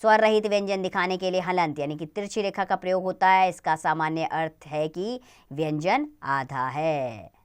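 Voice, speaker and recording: A woman teaching a grammar lesson to children, spelling out sounds slowly and deliberately. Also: on the low side, smooth.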